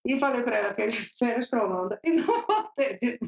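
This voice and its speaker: Slightly high and sing-song with vocal fry, this voice belongs to a woman in her fifties from Bahia, Brazil. As an interview guest she recounts her story in a Bahian accent, talkative and laughing often, with drawn-out, slow phrasing.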